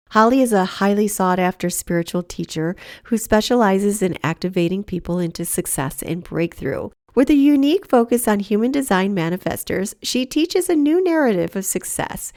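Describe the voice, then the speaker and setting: A podcast host, slightly sniffly from a cold, reads an earnest, enthusiastic introduction before easing into casual interview chat, with a few fillers and restarts. Her voice is lowish and darkish, recorded at studio quality with no room sound.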